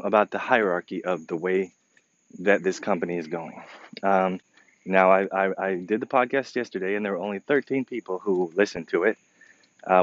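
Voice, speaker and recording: In an informal podcast address to his employees, a company president speaks in a fairly low, slightly crackly voice. His delivery is halting and earnest, full of fillers and restarts, and he repeats himself to stress points. The audio is dull with no room sound.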